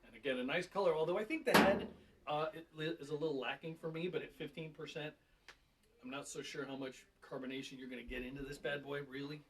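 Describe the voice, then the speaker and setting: A man in the middle of his pitch range talks quickly as he co-hosts a beer tasting. He agrees easily and explains the flavors he picks up. He sits back from the mic, with faint noise behind him. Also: far from the mic. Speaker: beer reviewer co-host. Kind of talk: casual beer tasting chat.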